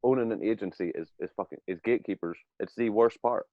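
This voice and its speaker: Rapid-talking man, lo-fi mic. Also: lowish voice, no room sound. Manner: rapid, blunt, swears casually. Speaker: podcast host, agency owner. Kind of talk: casual podcast chat. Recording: dull lo-fi mic.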